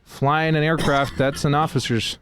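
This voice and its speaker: A man hosting a stream, commenting on his game in an excitable, joking way. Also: fairly high pitch, normal speed, background noise. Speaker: host playing a game on stream. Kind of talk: casual chat.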